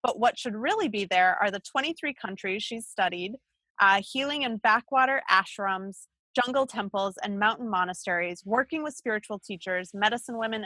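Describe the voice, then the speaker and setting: A woman co-hosting a podcast, reading a guest introduction in a poised, measured way. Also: mid-range voice, sharp tone, no room sound. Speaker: podcast co-host. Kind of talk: reading a guest bio, casual chat.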